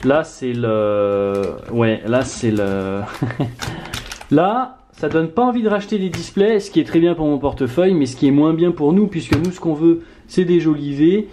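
A man vlogging at home as he opens trading card packs, talking casually and swinging between low mutters and loud excited outbursts. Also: moderate pace, slight background noise. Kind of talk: casual card-opening vlog. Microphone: camera mic on tripod.

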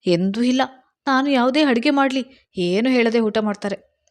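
A woman's voice: on the high side, moderate pace, no room sound, pitched above the performer's own voice, lightly acted. A tearful young housewife pours out her complaints in a raised, plaintive voice, as a woman narrator puts her on. She sounds like she is always on the edge of crying. Her voice sits close and dry.

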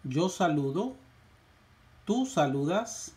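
A man teaching a lesson, reciting verb conjugations in a slow, measured drill with rising lists. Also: fairly high pitch, big pitch swings, a little mellow. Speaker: Spanish teacher.

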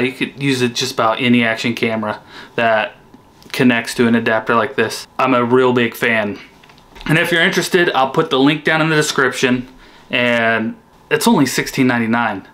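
A man in his thirties casually reviewing motorcycle camera gear, talking in a relaxed, rambling way with lots of fillers. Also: mid-range voice. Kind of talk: casual product review vlog. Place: indoor room, then outdoors in a yard by a motorcycle.

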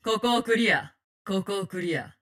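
A woman performs a vengeful female assassin from a tactical video game, barking short, commanding lines in Japanese with icy contempt and menace. Her natural, fairly bright voice sits at medium pitch and keeps a normal speed, and the mood is curt and tactical.

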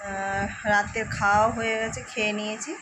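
Housewife vlogger from India, chatty chore commentary, worn out by heat, mid pitch, noisy home phone audio. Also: female voice, level tone, fairly quick. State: hot and tired. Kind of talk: casual daily vlog chat. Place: home kitchen and rooms.

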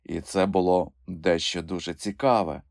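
A man narrating a children's audiobook in an expressive storytelling manner. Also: low-pitched, normal speed, creaky, dry recording, studio quality. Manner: expressive storytelling with lively swings. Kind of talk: scripted narration.

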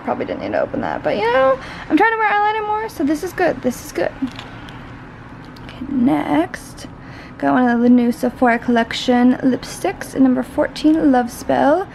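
A woman's voice: sits high, wildly swooping pitch, moderate pace, vocal fry, darkish tone, a little hiss or hum, rough recording. A young woman rambling through a casual vlog unboxing, chatty and full of "like". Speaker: beauty vlogger.

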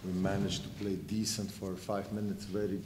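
At moderate pace, a middle-aged visiting basketball coach gives post-game press conference answers in a really deep monotone, speaking bluntly about turnovers. He sounds frustrated and self-corrects along the way. The sound comes from a table mic in an echoey, noisy press room fronted by a sponsor backdrop.

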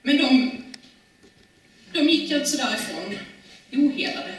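A woman's voice: sits high, lively intonation, heavy reverb, far from the mic, poor audio. A woman preaching a sermon in a church, talking in a conversational way with many fillers and restarts.

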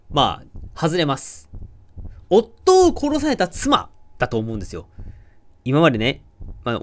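A man with a Kansai accent streaming a mystery game, reading out the characters' lines and joking along with playful, animated commentary. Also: on the high side. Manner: playful, animated, jokes with the game and often laughs.

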